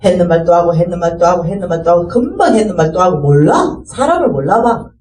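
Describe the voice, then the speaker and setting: A middle-aged woman tells a church testimony in an animated storytelling manner, acting out the people in it and rising to fervent pleading. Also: lowish voice, quick pace, roomy sound, far from the mic, low-quality recording. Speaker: speaker giving a church testimony.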